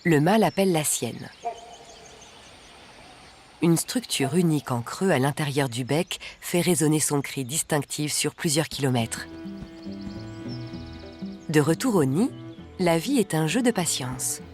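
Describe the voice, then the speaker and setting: A narrator reading a scripted nature documentary in a measured, articulate way. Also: mid-range voice, lively intonation. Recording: background music under the voice. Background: music.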